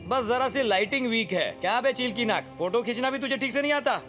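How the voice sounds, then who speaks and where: A man's voice: extremely high pitch, fairly quick, bright, forceful tone, faint music behind. A man dubbing a cocky young hero who taunts his enemies with cheeky mockery. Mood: mocking. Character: cocky young male hero, mocking, unbothered. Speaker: dubbing actor. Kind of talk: Hindi film dub. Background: film score.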